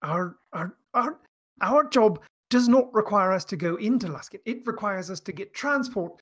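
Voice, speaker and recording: A woman's voice: medium pitch, expressive, fairly bright tone. Woman playing a stammering, fussy elf adventurer. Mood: defensive. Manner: halting, stammering, formal wording.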